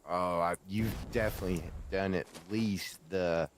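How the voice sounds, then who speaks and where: A man co-hosting a casual chat in an animated, teasing way, swearing casually. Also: low voice, measured pace, slight background noise.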